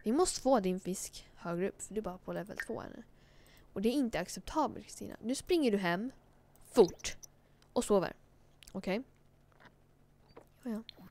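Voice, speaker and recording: A woman's voice: medium pitch, lively intonation, pauses often, a little mellow, no room sound. A woman giving casual, chatty gameplay commentary, giggling and coaxing the character she controls. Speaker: let's play host.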